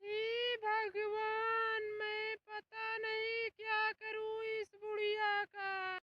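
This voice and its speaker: A woman's voice: extremely high pitch, completely flat delivery, extremely slow, dull audio, heavily acted. Woman playing a whiny young daughter-in-law. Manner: whiny pleading. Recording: loud background noise.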